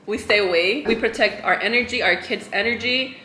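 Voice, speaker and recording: A woman's voice: mid-range voice, brisk, bright, forceful tone, roomy sound. A woman co-hosting a casual eating vlog, chatting easily and slipping Spanish words into her English. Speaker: vlog co-host. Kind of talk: casual mukbang chat.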